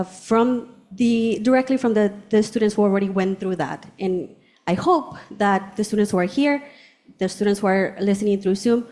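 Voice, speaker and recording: As assistant director of international education, a woman moderates a campus panel, explaining things carefully and emphasizing the key points. Her voice is mellow and medium in pitch.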